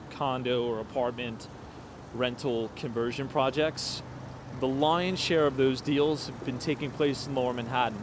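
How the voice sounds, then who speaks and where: A male vlogger in his late twenties livestreams as he walks cold city streets at night, with street noise in the mix. His medium-pitched chat is casual and rambling, full of fillers, thinking aloud and asides to viewers.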